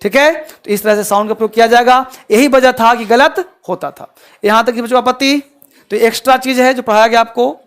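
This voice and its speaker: Guy teaching a class, keeps asking students if they got it, loud then quiet, very animated. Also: very high-pitched, fairly quick, clean tone. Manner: addresses students with frequent quizzing questions; animated, shifting between loud emphasis and quiet asides. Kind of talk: classroom lecture.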